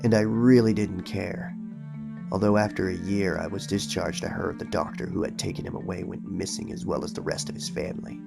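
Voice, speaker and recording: Over loud music, a man speaks in a low, creaky voice that is fairly quick and fairly even in intonation. He hosts the channel and narrates horror, giving a dramatic, suspenseful creepypasta reading followed by an informal recap.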